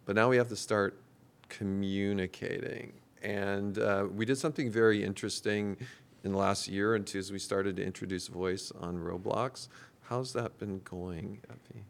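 Man, host of a panel talk; very low, smooth voice; measured and thoughtful, steers with questions. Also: fairly even intonation. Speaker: host and company executive. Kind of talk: conversational panel discussion.

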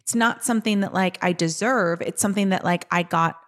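A woman's voice: on the low side, fairly quick. A woman hosting her own podcast, talking casually in a chatty monologue full of "like". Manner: chatty, peppered with "like". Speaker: podcast host.

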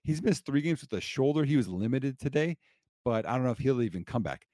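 Man, sports podcast co-host, rapid-fire injury rundown, breathless, mid-range voice, dry close recording. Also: medium pitch, expressive, warm tone, dry recording. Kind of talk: casual sports podcast chat.

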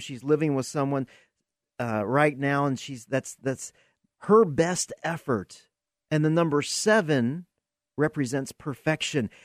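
An earnest man teaches from scripture on his podcast, in a preaching style full of rhetorical questions. His voice sits a little high and moves at an unhurried pace. The recording is close and dry. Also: no room sound. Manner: earnest, asks rhetorical questions, repeats words as he searches. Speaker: podcast host and Bible teacher.

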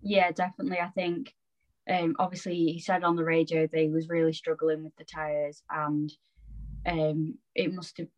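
Low-voiced easygoing woman. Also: flat delivery, normal speed, lo-fi sound. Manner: easygoing, agreeable, uses fillers like "I reckon". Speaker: podcast co-host. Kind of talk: casual chat.

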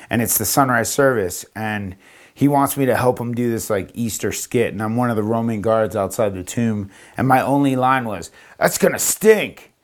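A man from Florida, a pastor, telling his story casually on a podcast and acting out the dialogue. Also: mid-range voice. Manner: animated, acts out quoted dialogue in a raised voice.

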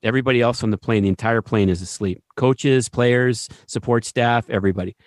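Male guest telling a story, animated, mid-pitched voice, dry close sound. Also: brisk, dry recording. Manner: animated, keeps asking "right?". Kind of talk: casual storytelling.

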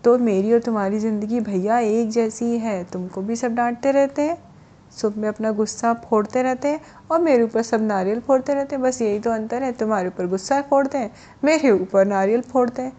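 A woman voicing a calm, slow-talking stone rock in a children's story. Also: lo-fi sound, lightly acted. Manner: slow, low, deliberate.

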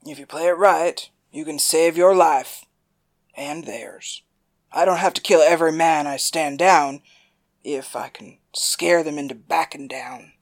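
A woman voicing a boastful, smooth-talking male gunslinger in an audiobook. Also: low-pitched, steady tone, unhurried. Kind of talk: audiobook character voice.

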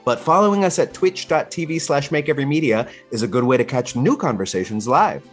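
A man's voice: mid-range voice, animated, a little fast, faint music behind. A man hosting a podcast, reading a scripted intro and promo in an upbeat way. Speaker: podcast host.

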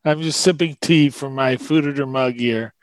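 A man giving a casual interview as a guest food writer, halting as he searches for words, his speech thick and slurred from a swollen tongue. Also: medium pitch, fairly even intonation, dry recording.

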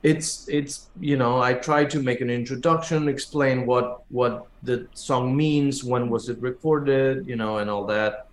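A native Spanish-speaking man from Argentina, raised in Buenos Aires, speaks with an Argentine accent at a medium pitch and in a steady tone. He's a pianist and teacher appearing as a musician guest, answering interview questions conversationally and telling stories in a halting way, repeating words as he searches for phrasing. The room is echoey.

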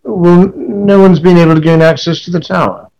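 A man's voice: high-pitched, steady tone, a little fast, gravelly, darkish tone, lo-fi sound, pitched above the performer's own voice. Man playing a hesitant, miserable scribe. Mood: hesitant, gloomy. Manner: hesitant, stammering, apologetic. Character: miserable, timid, down-on-his-luck male scribe. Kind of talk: tabletop role-play.

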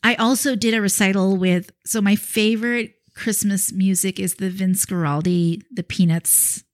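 A woman's voice: mid-range voice, steady tone, moderate pace. Woman podcast host, chatty and laughy, studio mic at home. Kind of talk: casual interview chat.

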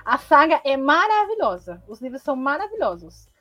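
A Brazilian woman co-hosting a podcast from home, chatting casually with animated, rambling and blunt opinions. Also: sits high, moderate pace, lo-fi sound, faint music behind. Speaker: podcast co-host. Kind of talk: casual chat.

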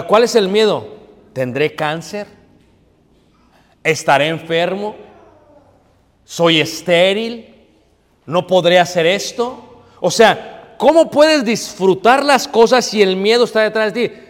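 A male pastor delivers a conversational sermon in a high voice. He keeps prompting his congregation to finish the verses. A long reverb from the large hall follows his words. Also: lively intonation, slow, pauses often.

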